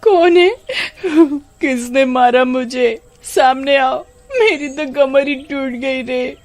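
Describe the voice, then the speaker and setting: A woman voicing a cruel, shrill young woman who scolds and wails in a storybook tale. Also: flat delivery, slow pace. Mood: wailing. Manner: shrill, wailing and whining.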